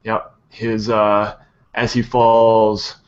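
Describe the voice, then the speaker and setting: A man running a tabletop role-playing game as game master, relaxed and encouraging. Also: fairly low pitch, drawn-out words, smooth, dull audio. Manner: relaxed, encouraging, with short affirmations.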